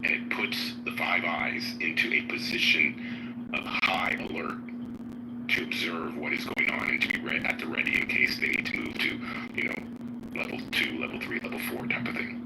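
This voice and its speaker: A man's voice: sits low, moderate pace, in a whisper. A man giving informal political commentary in an emphatic way, often checking in with a questioning tag. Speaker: panelist. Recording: clearly noisy live audio chat.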